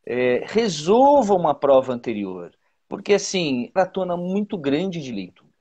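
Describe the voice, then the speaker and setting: A Brazilian man speaking as a teacher over a video call, his voice husky and a little breathy. His pitch swings up and down a lot as he talks. He stumbles and repeats words as he explains. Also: sing-song, warm tone. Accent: Brazilian Portuguese. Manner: halting, many repeated words and fillers. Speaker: teacher, guest. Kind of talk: casual explanatory advice.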